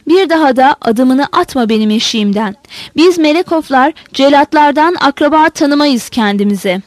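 A woman's voice: sits high, lively intonation, moderate pace, no room sound. A woman reading the part of a stern old Cossack father who speaks firmly and resolutely. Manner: firm, resolute.

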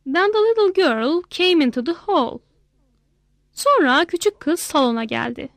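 A woman's voice: high-pitched, lively intonation, unhurried, no room sound, clean studio sound. A woman reading a simple story aloud in short, plain sentences, each one followed by its translation. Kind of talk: bilingual read-aloud story, each line then its translation.

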